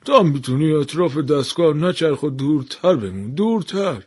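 A frantic middle-aged repairman in a radio story pleads and shrieks in a high, strained voice, as a male narrator puts him on. His nerves are fraying and every line comes out pitched up and urgent. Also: expressive, slightly rough. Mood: pleading. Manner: pleading, shrill cries.

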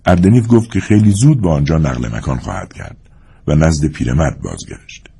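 A man's voice: a bass voice, lively intonation, creaky, dark tone, husky. A man narrating a novel as an audiobook, reading expressively with dramatic storytelling.

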